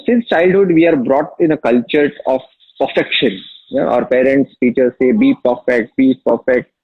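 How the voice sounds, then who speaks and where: This slightly rough, mid-range male voice, with no echo and a dull lo-fi sound, belongs to an app founder from Maharashtra. Speaking Marathi-accented Indian English as a casual interview guest, he tells his story emphatically, repeating key phrases.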